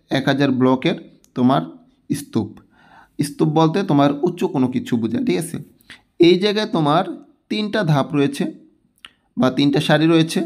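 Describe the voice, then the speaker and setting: A man's voice: fairly high pitch, a little mellow. A man teaching a children's math lesson, patiently counting blocks aloud step by step.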